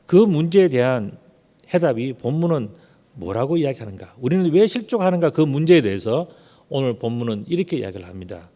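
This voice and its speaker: A man preaches from the pulpit in a mellow, relaxed tone. He keeps the sermon conversational, with rhetorical questions and drawn-out words for emphasis. His voice carries a long reverb from the church hall. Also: medium pitch. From Gyeongsang region, South Korea. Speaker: pastor. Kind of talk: Sunday sermon with personal storytelling. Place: church sanctuary. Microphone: unmasked behind a screen at the pulpit.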